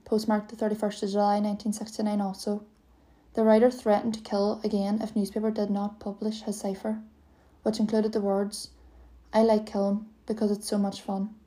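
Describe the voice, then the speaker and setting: A woman narrates a true-crime podcast from a script. Her voice is deeply mellow and dark, and her pitch stays flat and level throughout. The reading is steady and even. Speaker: podcast host.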